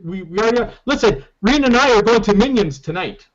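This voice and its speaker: A man's voice: sits high, animated, fast. A man leading a casual group call as a marketing team leader, emphatic and repeating "okay?" often, over dull lo-fi call audio.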